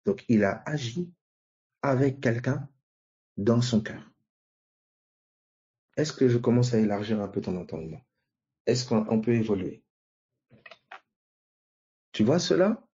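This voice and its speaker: Male preacher, slow and repetitive, mellow tone, dull muffled recording. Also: mid-range voice, expressive, slightly rough. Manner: slow, repeats and asks the listeners "vous voyez?" often. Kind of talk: sermon teaching.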